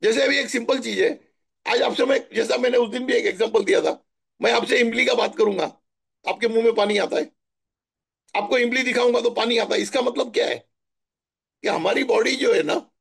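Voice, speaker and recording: A middle-aged man from Maharashtra telling stories in a chatty, animated way during a spiritual talk. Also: very high voice, brisk, creaky, breathy edge. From Maharashtra, India. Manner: chatty, animated storytelling with asides. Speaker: spiritual guest answering questions.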